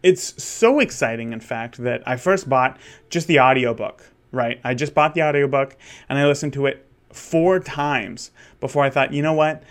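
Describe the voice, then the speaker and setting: A thirty-year-old wedding photographer and podcast host talks candidly in a rambling solo monologue, restarting often. His voice is medium-pitched and moves at a moderate pace.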